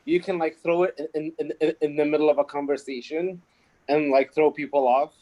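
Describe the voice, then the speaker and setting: A man from Kuwait, an Arabic speaker, chatting casually and explaining things in a halting way. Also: a little high, steady tone, warm tone, low-quality recording. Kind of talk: casual chat.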